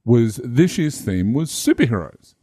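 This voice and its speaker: A man co-hosting a podcast, explaining things in a relaxed way with many fillers. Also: mid-range voice, a little slow, slightly rough, no room sound, clean studio sound. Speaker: podcast co-host, convention marshal. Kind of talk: casual chat.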